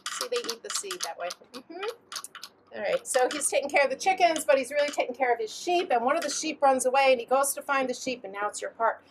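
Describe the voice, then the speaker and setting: A woman with a somewhat high voice tells a story to children at home. She plays it up with bright, lively swings of pitch and a playful manner. Faint room noise sits behind her. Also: fast talker. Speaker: storyteller at a family Passover seder. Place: family home.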